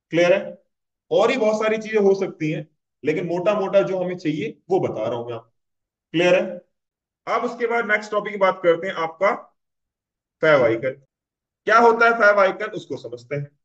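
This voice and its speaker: A man teaching a casual web development tutorial, talking conversationally and often checking "clear?" with his students. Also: sits high, very animated, normal speed, pauses often, a bit bright, lo-fi sound.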